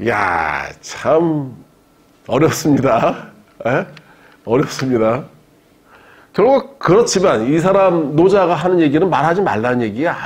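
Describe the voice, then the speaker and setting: Husky-voiced man giving a joking lecture. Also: mid-range voice. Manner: lively, joking storyteller who laughs along with his own anecdotes. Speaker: philosophy professor lecturing. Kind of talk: university-style public lecture. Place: lecture room with a live audience.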